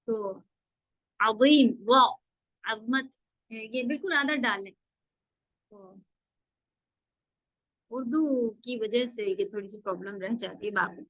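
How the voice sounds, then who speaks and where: Brief: female recitation teacher, high voice, dry close sound, drawn-out model sounds. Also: no echo, rough recording. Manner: explains slowly, often drawing out model sounds. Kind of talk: online class lecture.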